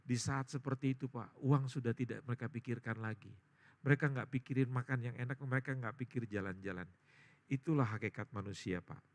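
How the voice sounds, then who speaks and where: A male pastor preaching a sermon, swinging between loud emphatic peaks and quiet storytelling. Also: medium pitch, fairly quick. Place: church service.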